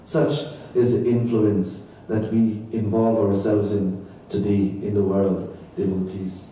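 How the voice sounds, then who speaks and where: A man preaching a sermon to devotees, swinging his pitch high and low for emphasis. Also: flat delivery, slow pace, dark tone, heavy reverb, recorded from a distance, slight background noise, poor audio. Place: temple hall.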